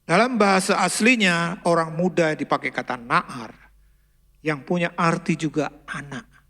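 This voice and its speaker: High-voiced male pastor preaching in a hall. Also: unhurried. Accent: Indonesian. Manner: storytelling, acts out dialogue, swings from loud emphasis to soft asides. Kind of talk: sermon. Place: large church hall.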